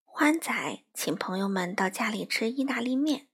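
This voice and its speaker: A woman reading a children's picture book aloud to young listeners in a gentle, unhurried way. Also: on the high side, lively intonation, husky.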